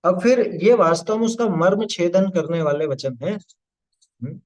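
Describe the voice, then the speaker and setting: In a scripture study discourse, a man with a high-pitched voice and lively intonation speaks at normal speed, explaining patiently and checking understanding through rhetorical questions. He occasionally recites Sanskrit verses, and the recording is rough.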